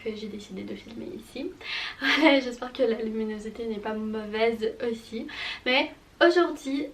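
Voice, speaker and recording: A woman talking softly, as if right in your ear, in a casual ASMR vlog. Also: on the high side, recorded from a distance, a little hiss or hum. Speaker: YouTuber presenting perfumes on her channel. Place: bedroom.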